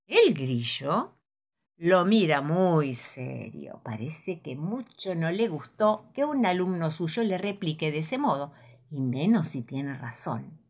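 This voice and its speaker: A woman reading a children's story aloud in an expressive, playful way. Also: low-pitched, slow pace. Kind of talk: storybook read-aloud narration.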